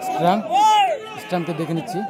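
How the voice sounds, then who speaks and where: A man commentates on a live football match. He goes play by play and tends to say a phrase again and again. A loud crowd surrounds him at an open-air ground. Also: on the high side, steady tone, fast, very noisy. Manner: repeats phrases over and over. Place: outdoors at a local football ground. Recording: outdoor recording with loud crowd.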